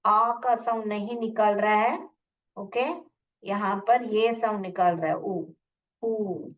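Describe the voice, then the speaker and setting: A woman with an Indian accent teaching English phonics in an online class, repeating sounds slowly and asking questions. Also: mid-range voice, fairly even intonation. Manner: slow, repeats sounds and words, asks questions. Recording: muffled, distant from the mic.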